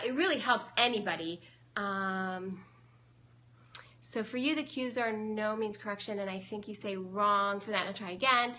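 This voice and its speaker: A woman's voice: mid-range voice, sharp tone. A young adult woman, a dog trainer, casually explaining her methods on a live stream and answering viewers, chatty with many fillers.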